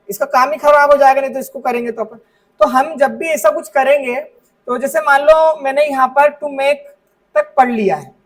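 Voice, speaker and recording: High-voiced man teaching a computer class. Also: a bit bright, distant mic, low-quality recording. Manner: explains step by step, often checks understanding with "ठीक है". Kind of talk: classroom software lesson. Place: classroom with students present.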